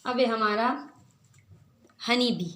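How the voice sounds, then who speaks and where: Slow, patient woman spelling words aloud. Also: on the high side, bright, forceful tone. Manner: checks in with listeners, asking "clear?". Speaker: teacher. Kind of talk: children's vocabulary lesson.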